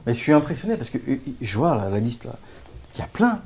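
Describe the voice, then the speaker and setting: A man's voice: medium pitch, very animated, fast, a crowd in the background. A man hosting a casual interview, reacting with enthusiasm and reading through his guest's credits. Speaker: host.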